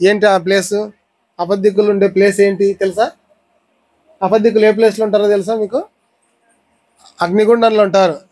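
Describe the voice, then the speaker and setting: High-voiced Telugu pastor preaching. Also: male voice, little pitch movement, fairly quick, long pauses, a little mellow, rough recording. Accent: Rayalaseema Telugu. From India. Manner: repeated questions to the congregation, teaching with everyday examples. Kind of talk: sermon.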